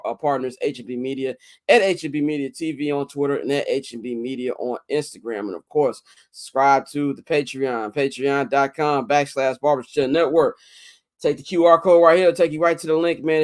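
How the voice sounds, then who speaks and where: A hungover man hosting a casual sports talk show in a slangy, conversational way. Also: medium pitch.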